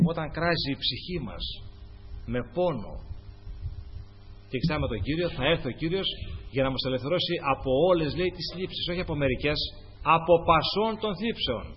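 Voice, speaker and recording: A man delivers an impassioned sermon in a husky, somewhat high voice. His pitch swings widely between soaring exclamations and quiet asides. The recording is dull and lo-fi. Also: animated, pauses often. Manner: impassioned preaching, rising to high calls then dropping to murmured asides. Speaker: preacher.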